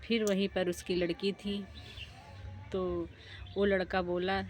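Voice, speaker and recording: A woman's voice: mid-range voice, little pitch movement, slow pace, darkish tone. A woman casually telling a folk tale in a plain, repetitive way. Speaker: storyteller. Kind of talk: casual oral storytelling.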